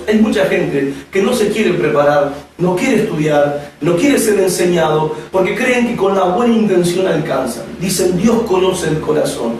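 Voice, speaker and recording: A man's voice: high voice, darkish tone, recorded from a distance, a little hiss or hum. A man preaching a Bible teaching to viewers on camera, speaking emphatically and repeating phrases for stress. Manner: emphatic, repetitive preaching with rhetorical questions. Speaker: pastor teaching a Bible course. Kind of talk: sermon teaching to a camera audience. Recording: echoey room, voice from off the mic, faint ambience.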